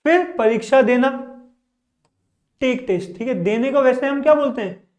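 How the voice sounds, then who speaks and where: A man teaching a spoken English lesson. He asks the class questions and answers them himself, and reads each English example slowly and clearly. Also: very high-pitched. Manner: mixes Hindi and English, repeats a verbal tic meaning "okay". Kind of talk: online language lesson.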